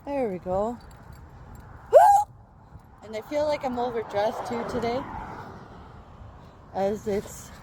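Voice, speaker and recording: A woman's voice: a little high, slow pace, pauses often. A woman chatting casually to viewers as she walks outdoors, hiccuping over and over as she talks. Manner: chatty, rambling, talking to viewers. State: hiccuping repeatedly. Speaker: vlogger. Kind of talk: casual walking vlog. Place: outdoors walking along streets. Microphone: handheld phone while walking. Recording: outdoor phone recording with street noise.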